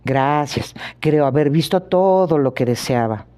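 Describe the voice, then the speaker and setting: A polite, sharp-minded detective asks his questions in an even, measured way, read by a man. The voice sits a little high yet sounds mellow and warm, and every detail is weighed in this audiobook reading. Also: clear, resonant tone. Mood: calm probing. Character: sharp, precise male detective, calmly probing.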